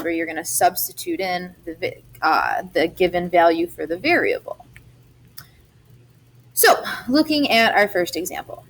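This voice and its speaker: A woman's voice: fairly low pitch, fairly bright tone. A young adult woman, a math teacher, explaining algebra step by step in a chatty recorded lesson.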